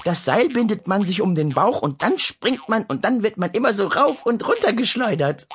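A narrator voicing a daring, excitable small girl in a children's audiobook. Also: mid-range voice, moderate pace, husky, pitched above the performer's own voice. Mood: eager. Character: wild, fearless little girl.

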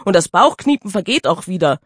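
A woman narrating an audiobook with expressive, lively storytelling. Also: lowish voice, a little fast, breathy edge, no room sound, clean studio sound.

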